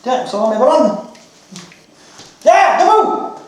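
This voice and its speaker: Someone playing a shouting gorilla villain. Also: high-pitched, big pitch swings, slow, full character voice. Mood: bossy. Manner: shouting, bossy threats. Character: vicious banana-loving gorilla villain in a mask. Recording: roomy echo, distant mic, noisy home video.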